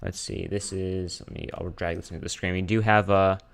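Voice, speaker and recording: A man's voice: low voice, level tone, a little fast, vocal fry, clear, resonant tone. A man giving casual live weather commentary as a streamer, informal and hesitant, often thinking aloud as he checks his screen.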